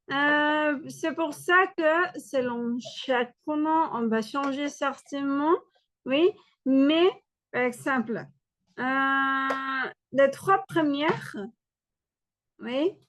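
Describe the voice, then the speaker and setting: Woman w/ teaching french online, high voice, slow and patient. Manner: slow, explains step by step, switches between French and Spanish. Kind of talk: online class lecture.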